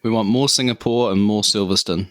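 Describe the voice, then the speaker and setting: A man co-hosting a casual podcast chat, laid-back and chuckling, with quick quips. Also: lowish voice, fairly even intonation, no room sound. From New Zealand. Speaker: podcast co-host.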